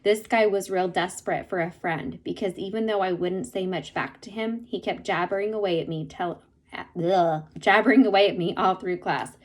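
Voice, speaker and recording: A woman's voice: lowish voice, normal speed, poor audio. Woman reading a novel aloud. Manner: steady storytelling narration. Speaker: reader.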